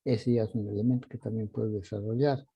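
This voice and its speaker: A man's voice: lowish voice, fairly even intonation, fairly quick, creaky, dark tone, slightly rough. A man teaching an orchestration workshop, singing out musical articulations in syllables as he explains them. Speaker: composition teacher. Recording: dull lo-fi recording.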